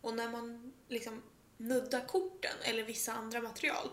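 A woman's voice: fairly high pitch, little pitch movement, fairly bright tone, roomy sound. A woman co-hosting a casual podcast chat, blunt and teasing with her co-host.

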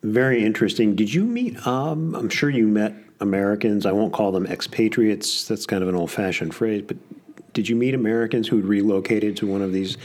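A man's voice: on the low side, brisk, darkish tone. A man hosting a radio interview, asking long, conversational questions of his guest.

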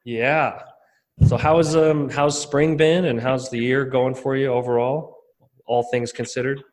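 A man's voice: mid-range voice, fairly even intonation, measured pace, poor audio. A man hosting a casual interview in an informal, agreeable way, often affirming his guest. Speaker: interview host.

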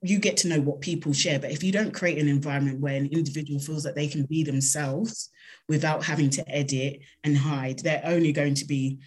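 A woman with a South London accent answering interview questions in an earnest, measured, conversational way. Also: low voice, fairly even intonation, a little mellow, breathy edge. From South London, England. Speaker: interview guest, consultant.

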